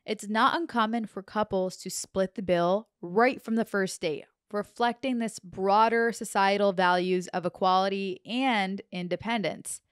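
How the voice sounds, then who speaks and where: A young woman hosts her own podcast, reading a prepared explainer with chatty, joking asides. Her voice is smooth and clean, recorded close on a handheld mic. The small home studio around her sounds dry and dead. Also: medium pitch, a little slow, few pauses, dry recording. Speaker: podcast host. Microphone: handheld dynamic mic, headphones.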